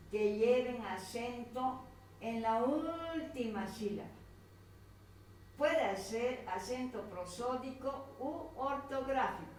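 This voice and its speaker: Colombian lady teacher going slow over a worksheet, very echoey room, faint hiss. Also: a little high, far from the mic. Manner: patient, repeats and points at items on a page. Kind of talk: slow worksheet instruction to a pupil.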